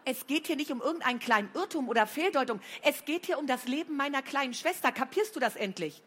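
A woman reading a storybook, voicing a fierce, upset boarding school girl in a high, shrill voice that rises to shouting. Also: sing-song, a little slow, slightly rough. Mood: outraged.

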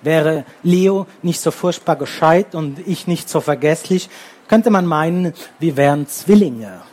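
A man reading a children's book aloud in an easygoing, gently humorous storytelling way. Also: on the high side, unhurried. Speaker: audiobook reader. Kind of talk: scripted children's book narration.

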